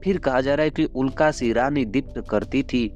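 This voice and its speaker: A man teaching a class, explaining a poem line by line and going over each phrase again in simple words. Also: mid-range voice. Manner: explains slowly, repeating phrases with yaani and matlab. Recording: dull lo-fi sound with soft background music.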